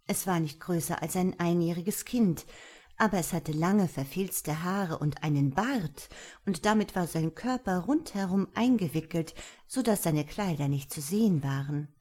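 A woman reads a fairy tale aloud, measured and expressive. Her pitch moves in a lively, wide melody as she tells the story. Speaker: narrator. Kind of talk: storybook reading.

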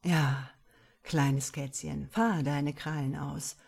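Woman putting on a low husky domineering man. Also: fairly even intonation, darkish tone, full character voice. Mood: commanding. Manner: low, slow, taunting commands. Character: domineering commanding man, teasing and cold.

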